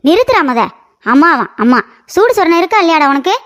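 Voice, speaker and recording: A quarrelsome middle-aged mother who scolds and taunts, as a woman voices her for a comic cartoon story. Her voice sits high and shrill. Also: very animated, fast, fairly bright tone, slight background noise, heavily acted. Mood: scolding.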